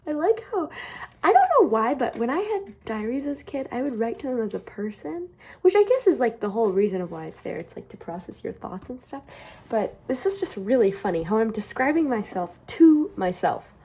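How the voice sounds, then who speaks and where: A woman's voice: fairly high pitch, big pitch swings, a little fast, warm tone, breathy edge. Amused, embarrassed young woman reading her diary. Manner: amused, self-mocking embarrassment. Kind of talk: casual reading aloud from own childhood diary with commentary.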